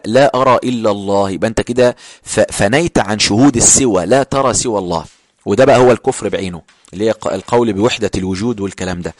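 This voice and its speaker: A man's voice: on the low side, no room sound. A man with an Egyptian Arabic accent, a sheikh teaching a classical text, reading passages formally and then explaining them in colloquial speech, with many stammered restarts.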